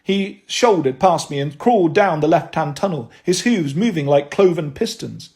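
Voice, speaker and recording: A man's voice: on the high side, animated, moderate pace, darkish tone. A man reading a first-person novel aloud, with a wry, dry delivery. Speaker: audiobook narrator.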